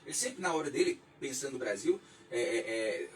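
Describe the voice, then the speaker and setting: A man in his forties, a guest in a radio studio, discusses politics in a reflective, lecturing style, often restarting his sentences. His mid-range voice has lively intonation and a slightly fast pace. The mic is distant, with faint music underneath.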